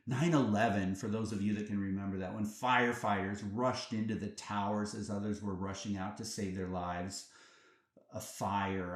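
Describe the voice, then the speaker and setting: A man's voice: fairly low pitch, echoey room. A man hosting a podcast, giving an earnest reflective monologue full of rhetorical questions and emphatic turns. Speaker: podcast host.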